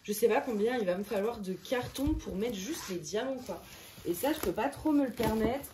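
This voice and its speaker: A woman's voice: fairly high pitch, lively intonation, normal speed, mellow, a little hiss or hum. A woman chatting casually to her viewers while sorting craft canvases, thinking aloud and joking at her own expense. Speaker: crafting vlogger. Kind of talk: casual chat. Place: at home.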